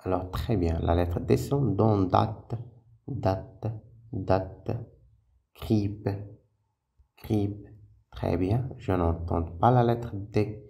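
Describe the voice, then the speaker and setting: A man's voice: on the low side, drawn-out words, creaky, long pauses, dark tone. A man teaching a phonics lesson to young children, patiently sounding out and repeating syllables and words. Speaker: primary school teacher.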